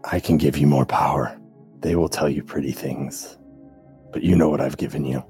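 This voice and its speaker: A man's voice: a bass voice, steady tone, normal speed, mellow, soft background music, voice pushed down. A man playing a sinister, manipulative spirit that speaks inside someone's mind, terse and coaxing. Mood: menacing, coaxing.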